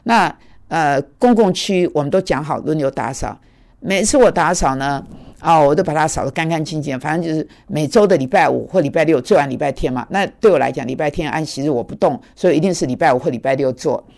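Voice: medium pitch, brisk, vocal fry, darkish tone. A preacher giving a conversational sermon, telling a personal story with many fillers and English words mixed in.

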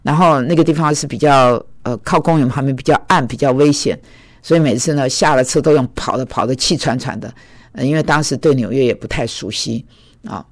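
A man's voice: mid-range voice, brisk, no room sound. A middle-aged man preaching a sermon in a reflective, hesitant way, with many filler sounds.

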